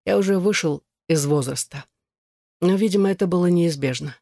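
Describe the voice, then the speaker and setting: A reader of an audiobook voicing a weary, gently ironic immortal man who speaks softly and sounds worn out. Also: mid-range voice, a little fast, creaky, no echo, studio quality, close to an everyday voice. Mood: weary, resigned.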